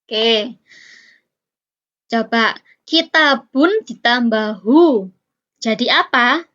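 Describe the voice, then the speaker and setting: A woman's voice: fairly high pitch, animated, drawn-out words, fairly bright tone, lo-fi sound. A woman teaching a casual lesson, explaining patiently and stretching out example words, with rising quiz-like questions; her first language is Indonesian.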